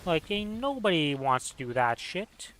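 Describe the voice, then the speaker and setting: A man's voice: on the high side, very animated, measured pace, a bit bright, a little hiss or hum. A man in casual, rambling, slangy conversation while gaming as a streamer. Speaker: game streamer.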